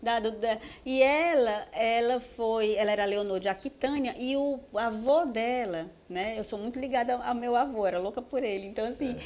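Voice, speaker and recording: A middle-aged woman, a writer and guest, telling stories in a relaxed interview with many restarts. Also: a little high, moderate pace, hardly any pauses. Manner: warm storytelling with many restarts. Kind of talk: casual interview chat. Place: TV studio.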